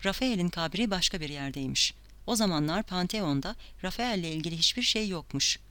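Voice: medium pitch, lively intonation, brisk, bright, forceful tone, dry recording. A reader doing a tense, urgent young woman. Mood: grave. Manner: tense, insistent.

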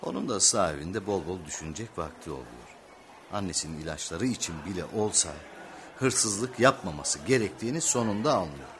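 A man playing a quiet middle-aged father who tells his son a story, calm and a little halting, in a radio play. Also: deep voice, slight background noise. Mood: storytelling.

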